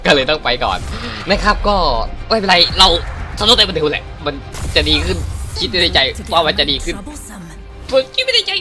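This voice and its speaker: Over music, a gaming streamer with a high-sitting voice talks briskly to his viewers, giving playful, joking commentary on his gameplay and swearing a lot.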